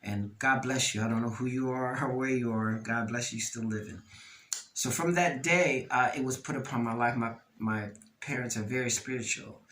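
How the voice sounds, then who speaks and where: Host, male, from Delaware: impassioned talk, emphatic and sermon-like, mid-pitched, recorded in an echoey space with light background hum. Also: a bit bright. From Delaware, USA. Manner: emphatic, preacher-like delivery with rises and repeats. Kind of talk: passionate monologue. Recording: roomy echo, faint ambient noise.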